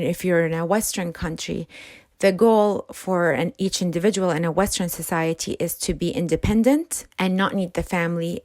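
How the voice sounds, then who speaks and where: A woman's voice: on the low side, a little mellow, no echo. A middle-aged woman counselor who moved to a Western country, giving earnest, direct parenting advice to camera. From immigrant to a Western country.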